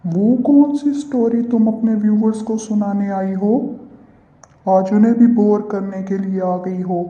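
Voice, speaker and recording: A man doing a cocky cartoon guy who brags and mocks, with a fairly high, flat, dark-toned voice. The sound is roomy and a bit dull, like a lo-fi home recording. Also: measured pace. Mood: mocking. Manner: mocking, bragging. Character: boastful, teasing young man who calls himself handsome. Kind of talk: cartoon voice acting.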